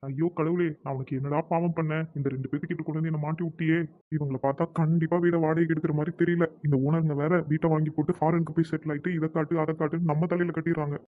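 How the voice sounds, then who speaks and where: A man voicing a weary, grumbling male flat caretaker in a cartoon, sounding exasperated. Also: a little high, racing, phone-quality sound, close to an everyday voice. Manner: exasperated, sighing complaints.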